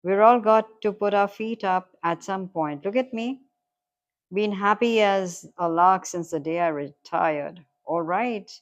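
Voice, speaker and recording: A woman's voice: medium pitch, measured pace, highs cut off, pitched above the performer's own voice, close to an everyday voice. A woman doing a hearty old retired man. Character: cheerful retired old man, chatty and blunt.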